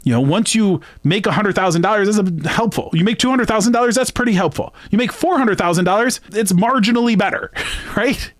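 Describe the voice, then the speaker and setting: A man who runs a sports betting channel talks alone to camera in a long-winded, earnest, conversational monologue, swinging between emphatic bursts and hushed asides as he reflects. His voice is a little high, with no echo.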